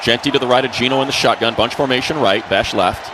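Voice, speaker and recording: A man with a mid-range voice calls live football play-by-play on the radio, speaking fast in clipped phrases as each play unfolds. Crowd noise fills this noisy live stadium broadcast.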